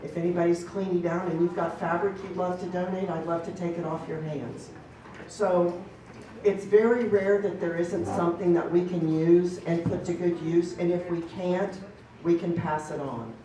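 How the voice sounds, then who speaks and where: A woman's voice: fairly low pitch, fairly even intonation, moderate pace, mellow. A woman running a community program, speaking informally with fillers to an audience in a meeting room. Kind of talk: casual talk to an audience. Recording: very echoey room from far off, faint noise.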